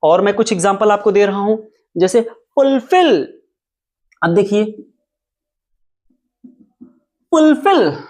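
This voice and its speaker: A man teaching English at a whiteboard who explains step by step, spells words out letter by letter and repeats them slowly. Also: high-pitched, darkish tone. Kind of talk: whiteboard lesson. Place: classroom with whiteboard.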